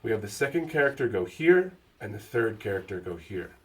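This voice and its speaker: A man teaching a casual lesson, explaining step by step in a relaxed, halting way with fillers. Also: lowish voice, distant mic.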